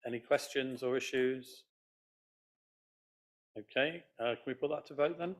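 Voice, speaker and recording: A man serving as mayor, chairing a council meeting in a brisk, procedural way with a mildly wry touch. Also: mid-range voice.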